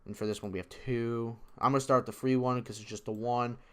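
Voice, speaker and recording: Clear-voiced excitable man vlogging. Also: medium pitch, fairly quick. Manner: excitable, profane, rambling. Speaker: esports video creator. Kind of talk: casual predictions vlog.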